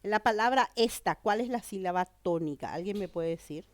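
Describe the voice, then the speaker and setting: A woman's voice: mid-range voice, moderate pace, dry recording. Female teacher with a cold, patient explainer, close dry mic. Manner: explanatory, checks understanding with "¿verdad?" and "¿mm?". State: has a cold. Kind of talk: online grammar lesson.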